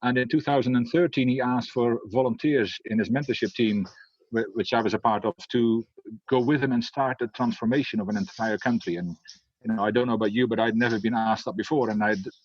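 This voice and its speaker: A middle-aged leadership coach from the Netherlands, with a Dutch accent tinged by Scottish influence, talks briskly in a medium-pitched voice with a breathy edge. In this casual interview he's hesitant, full of fillers and restarts. The audio is dull, with no echo.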